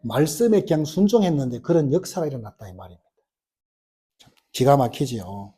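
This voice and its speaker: A man's voice: medium pitch, sing-song, fairly quick, warm tone, slightly rough. A male pastor preaching a sermon, telling a story with many rhetorical questions and acting out the quoted lines. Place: church sanctuary.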